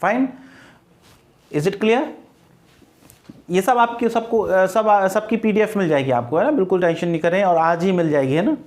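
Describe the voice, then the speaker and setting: High-voiced man teaching grammar online. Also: moderate pace, pauses often. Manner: explains patiently, reassures students, spells words letter by letter; mixes English terms into his talk.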